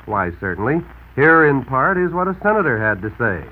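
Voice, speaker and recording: A man co-hosting a radio program, announcing in a formal, measured 1940s manner with an old newsreel-style broadcast sound. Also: mid-range voice, very animated. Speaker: radio co-host reporting from the capital. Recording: tinny lo-fi 1940s radio recording.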